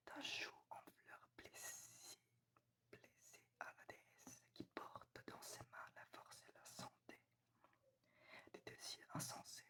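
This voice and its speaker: Slow, hushed whispering woman reading poetry. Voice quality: soft, breathy whisper. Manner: quiet, hushed, as if at night. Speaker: reader of poetry.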